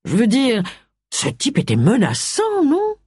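Un lecteur de livre audio fait parler un homme, ami taquin et attentionné, sur un ton calme. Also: male voice, very high-pitched, a little slow, breathy edge, no room sound, clean studio sound, pitched above the performer's own voice, full character voice. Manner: teasing, reassuring. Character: man, an affectionate teasing friend. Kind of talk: audiobook character voice.

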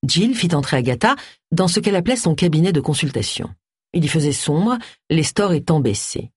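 Expressive audiobook reader, varied intonation, dry studio sound. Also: medium pitch, brisk, breathy edge, no room sound. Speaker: audiobook narrator. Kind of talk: scripted narration.

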